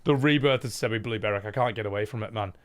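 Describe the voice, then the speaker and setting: A man's voice: lowish voice, fast. A man streaming casual, blunt live commentary with exasperated swearing. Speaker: streamer reacting to game trailers.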